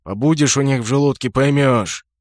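A loud, gruff knight from a fantasy audiobook who barks every line bluntly, as the male reader puts him on. His voice sits a little higher and louder than the narration. The room around the reading is dry and close. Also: normal speed, dry recording, lightly acted. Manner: barking, shouting.

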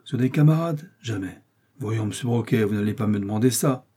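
A man voicing a brawny Parisian street thug who protests loudly and insistently in slangy speech. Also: lowish voice, a little fast, breathy edge. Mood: wary.

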